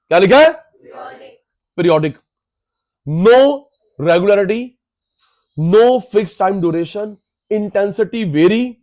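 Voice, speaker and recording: High-pitched male teacher, lecture style, repetitive drilling, playful asides to students. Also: darkish tone. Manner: drills terms by repetition, addresses students directly; playful, mixes in jokes and skits. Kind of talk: classroom lecture.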